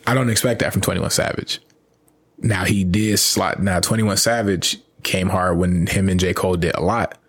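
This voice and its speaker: Casting note: low, husky male co-host, easygoing and rambling, casual podcast banter. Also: steady tone, normal speed, fairly bright tone. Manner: laid-back, rambling, says "you know what I'm saying" often. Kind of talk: casual chat.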